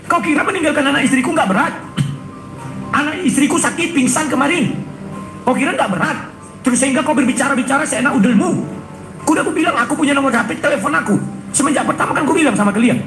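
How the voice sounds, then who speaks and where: Indignant man on a live stream, fast and gravelly, echoey with faint music. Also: extremely high pitch. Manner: angry, indignant, frequent throat clearing. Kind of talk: heated live-stream rant.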